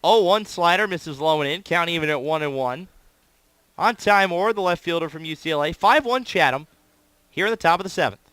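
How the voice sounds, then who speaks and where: A man's voice: a little high, expressive, brisk, a bit bright, smooth, no room sound. A man doing live baseball play-by-play commentary as the announcer, in clipped phrases, stretching words on big plays.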